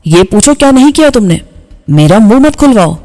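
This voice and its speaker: A woman's voice: fairly high pitch, big pitch swings, dark tone. Woman voicing an angry young male engineer. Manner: harsh, scolding delivery. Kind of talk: audiobook dialogue reading.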